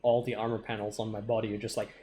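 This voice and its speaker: A man's voice: lowish voice, monotone, rapid-fire, noisy background. A man playing a tabletop role-playing game, describing his character's actions in a loose, hesitant way. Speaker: player. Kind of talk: casual tabletop play.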